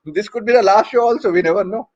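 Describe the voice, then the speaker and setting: High-pitched man with a Telugu accent. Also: quick pace, a little mellow, muffled recording. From Hyderabad region, southern India. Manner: conversational storytelling with rhetorical tags like "no" and "man". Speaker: stand-up comedian. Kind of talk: stand-up comedy monologue to an audience.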